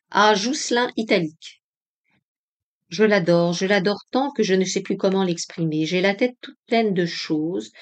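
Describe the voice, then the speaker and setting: Woman, audiobook reader, middle pitch, earnest and measured diary reading. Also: darkish tone.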